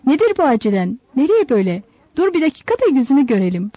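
A woman's voice: high voice, big pitch swings, fast, mellow, no room sound, voice pushed up. A woman voicing a crafty, bossy old male fisherman who sweet-talks and gives orders. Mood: urgent. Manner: sly, bossy, sweet-talking.

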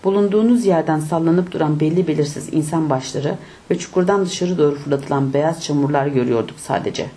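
Low, mellow woman narrating a story. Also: brisk, few pauses. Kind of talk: audiobook narration.

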